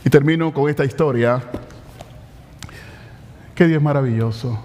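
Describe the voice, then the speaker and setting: Impassioned pastor in an echoing church. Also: male voice, mid-range voice, darkish tone, slight background noise. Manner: impassioned, slows down on key phrases. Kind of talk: sermon. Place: church sanctuary. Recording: long church hall reverb.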